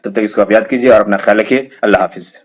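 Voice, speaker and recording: With an Indian Urdu accent, a man patiently teaches young children the Quranic alphabet, repeating each letter sound and drawing it out in slow drilling. His voice is lowish and steady, and the recording is rough.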